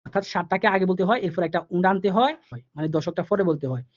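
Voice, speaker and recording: A man teaching German numbers in a live online class, explaining each step slowly, repeating himself and asking the students questions. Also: sits high. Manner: repetitive, patient, asks the students questions. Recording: dull lo-fi online class audio.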